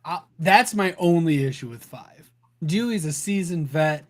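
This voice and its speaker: A man's voice: fairly high pitch, lively intonation. Man with a slightly raised voice, chiming in. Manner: quick agreeing interjections. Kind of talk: casual podcast chat.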